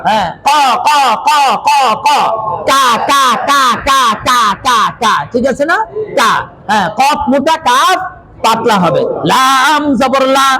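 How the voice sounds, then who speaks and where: Loud chanting teacher in a noisy classroom. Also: male voice, very high-pitched. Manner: calls out syllables loudly in slow drawn chant, repeats for students. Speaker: Quran reading teacher. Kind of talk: classroom lesson, drilling letter sounds. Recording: noisy room with crowd of students.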